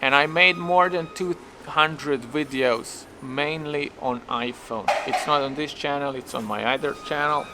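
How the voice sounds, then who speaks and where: A young male vlogger with a Serbian accent talks to camera outdoors while waiting for a taxi, thinking aloud hesitantly, questioning himself, and often restarting sentences. His voice is a little high, unhurried with few pauses, against a noisy background.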